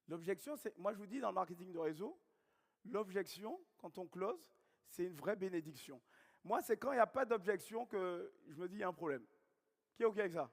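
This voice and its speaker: A high-voiced man with a Guadeloupean accent leads a sales training seminar. He drives his points home by repeating them and firing questions at the audience. His voice rings out with the long reverb of a large hall. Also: lively intonation, a little fast. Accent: Guadeloupean French. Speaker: network marketing trainer.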